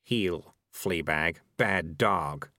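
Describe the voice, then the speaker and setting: A man voicing a sly, dry-witted male cat who talks in a low, quiet, sardonic way. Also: very slow, dry recording, heavily acted. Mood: quiet, wry.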